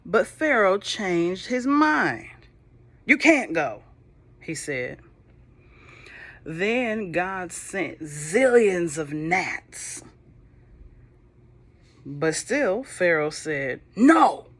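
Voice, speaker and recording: A woman on the low side of the pitch range reads a Bible storybook to children, unhurried and expressive. Along the way she whispers gently and slips in playful asides for the little ones.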